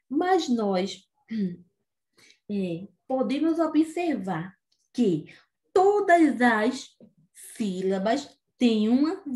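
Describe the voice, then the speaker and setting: A Brazilian woman teaching young children about syllables, slow and patient, often checking in with "né?" and "não é?". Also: on the high side. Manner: slow and patient, asks "né?" and "não é?" after most points; says words slowly, syllable by syllable. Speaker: primary school teacher. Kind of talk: remote reading lesson for young children.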